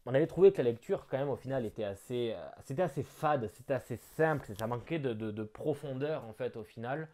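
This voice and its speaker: A man chats through an unboxing, thinking aloud as he goes. His pitch sits right in the middle of a man's range. He talks casually and breaks into bursts of excitement. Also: brisk, hardly any pauses. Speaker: board game unboxing vlogger.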